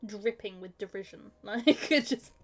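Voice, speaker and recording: A woman's voice: medium pitch, unhurried. A woman streamer commenting casually and sarcastically while playing a game, swearing freely.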